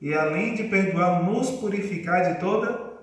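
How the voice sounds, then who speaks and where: A man's voice: sits high, a little slow. A male preacher giving a conversational sermon, quizzing his congregation. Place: church congregation hall. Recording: echoey room, voice far from mic.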